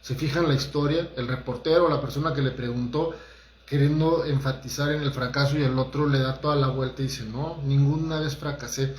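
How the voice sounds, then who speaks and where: A man's voice: medium pitch, fairly even intonation, a little fast, reverberant. A man, a holistic therapist giving a conversational motivational talk and speaking straight to his listeners. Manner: conversational, addresses listeners directly, acts out quotes.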